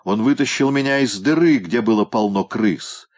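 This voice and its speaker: A man voicing a drunken, sentimental tomcat who growls and gushes in slow, drawn-out exclamations. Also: lowish voice, voice pushed up, close to an everyday voice. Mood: gushing. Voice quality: hoarse, growling.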